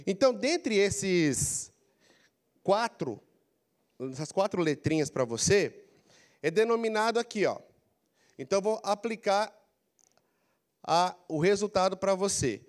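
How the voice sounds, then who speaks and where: A middle-aged Brazilian man with a handheld mic, giving an animated career coaching lecture in a large auditorium, prompting the audience to repeat phrases. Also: sits high, measured pace, pauses often. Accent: Brazilian Portuguese. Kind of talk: lively motivational lecture. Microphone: handheld mic, walking the floor.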